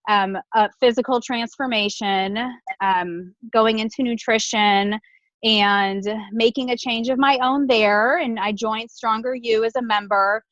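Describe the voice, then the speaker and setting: A woman of forty from Buffalo, New York, a nutrition coach answering as a podcast guest, telling her story in a steady, earnest way. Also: fairly high pitch, a little slow, no room sound, poor audio. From Buffalo, New York, USA. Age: 40s. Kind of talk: interview answers.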